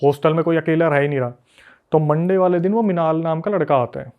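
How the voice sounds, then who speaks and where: A man's voice: on the high side, fast talker, phone-quality sound. A man telling a spooky story on a casual podcast, retelling it with energy and acting out what people said. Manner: animated retelling that acts out the quoted people. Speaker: guest storyteller.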